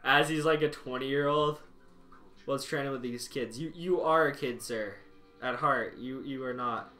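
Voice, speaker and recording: A man's voice: mid-range voice, a little slow, pushed and bright. A young man live-streaming, chatting casually and wryly to his chat, rambling as he thinks aloud. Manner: rambling, wry, talks to chat. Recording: echoey room.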